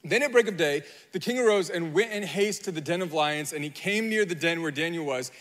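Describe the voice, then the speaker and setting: Speaking fairly quickly, this pastor brings a Bible story to life in his sermon, slipping into the voices of its characters with animated flair. His voice is fairly high for a man and rings with the long reverb of a big hall.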